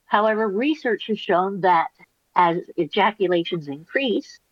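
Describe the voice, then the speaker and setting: A woman's voice: medium pitch, animated, a little slow, dry recording, dull audio. A woman co-hosting a casual podcast chat, making dry, teasing quips. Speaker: podcast co-host.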